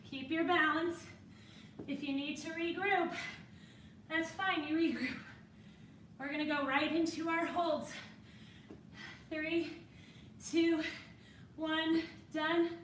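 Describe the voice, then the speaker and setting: A woman's voice: sits high, fairly even intonation, slow pace, pauses often, a bit bright, roomy sound, far from the mic, slight background noise. A woman fitness instructor coaching a workout while exercising alongside, encouraging and a little winded.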